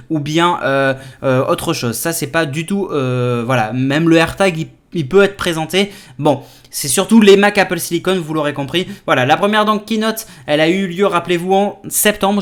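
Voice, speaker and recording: A man presenting a casual tech news vlog, talking in a lively way with many fillers and restarts. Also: a little high. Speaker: tech YouTuber.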